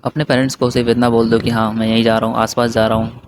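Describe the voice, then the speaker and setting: A man's voice: medium pitch, little pitch movement, fast. A young man from India giving casual, brotherly advice straight to the viewer, repeating his points as he goes. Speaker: vlogger. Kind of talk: casual advice talk to camera. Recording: noisy background hiss.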